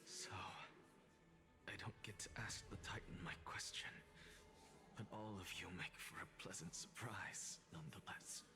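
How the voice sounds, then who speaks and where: An actor playing an aloof young male scholar in a video game, speaking in a soft, hushed way. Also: deep voice. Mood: composed. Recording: game audio over background music.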